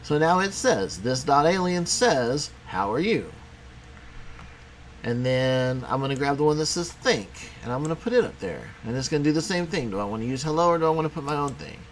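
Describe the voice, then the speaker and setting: A man teaching a programming lesson in a casual, conversational way, talking as he clicks through software. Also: fairly high pitch, animated, brisk, slight background noise. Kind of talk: screen-recorded coding tutorial.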